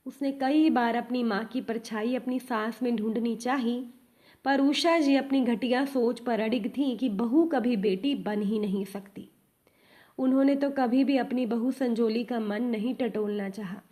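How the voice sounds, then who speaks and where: A woman storyteller narrating a devotional story in a measured, gentle reading. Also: a little high, steady tone.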